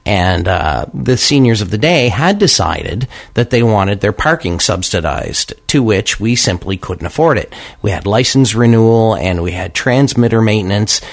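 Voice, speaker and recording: A man telling stories as a guest on a campus radio show, animated and quick to laugh. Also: lowish voice, vocal fry, no echo. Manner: animated storyteller, laughs often. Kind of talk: casual radio chat, storytelling.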